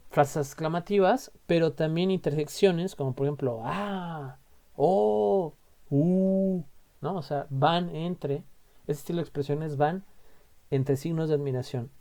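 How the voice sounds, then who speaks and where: A man's voice: on the high side, dark tone. A man with a Mexican accent teaching a casual grammar lesson, chatty and full of tag questions as he explains. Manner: chatty, explains with lots of "o sea" and "¿no?" tags.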